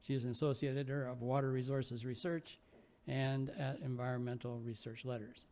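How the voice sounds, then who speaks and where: A man chairing a session, introducing the next speaker in a formal, measured way. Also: medium pitch, flat delivery, a little mellow.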